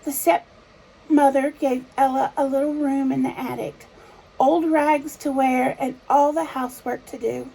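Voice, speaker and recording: A woman storyteller narrating in a measured, simple fairy tale opening manner for small children, with a creaky voice. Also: sits high, fairly even intonation, mellow, low-quality recording.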